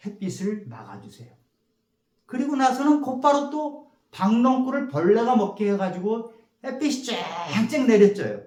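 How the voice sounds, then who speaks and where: A male pastor preaching a sermon in a church, telling the story in an animated way and acting out the quotes. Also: high voice, reverberant. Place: church sanctuary.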